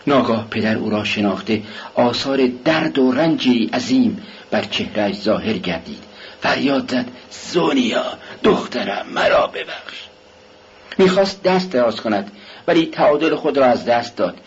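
A man narrating an audiobook in a dramatic, expressive style. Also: medium pitch. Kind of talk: scripted narration. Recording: dull lo-fi recording with faint hiss.

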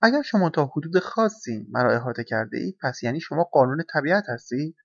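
A man's voice: on the high side, lively intonation, no echo. A man playing a polite, puzzled stork. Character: anxious, thoughtful young stork. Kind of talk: storybook reading. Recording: dull, dry lo-fi recording.

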